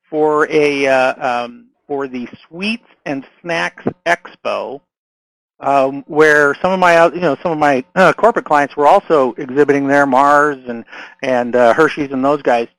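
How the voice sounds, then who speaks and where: Talking to camera in a relaxed teaching style, a man with a failing voice explains marketing, restarting often, using lots of fillers, and repeatedly asking "right?" and "okay?" He's a marketing consultant with a fairly high, fairly bright voice, fairly even intonation, and a measured pace. The audio is poor but has no echo.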